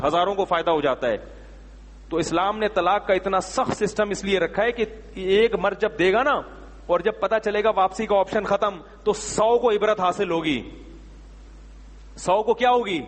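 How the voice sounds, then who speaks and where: A man's voice: sits high, fairly bright tone, big-room sound. A man giving religious answers to questions in an emphatic, rhetorical manner, sometimes scolding. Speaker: Islamic scholar answering questions. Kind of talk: religious Q&A talk.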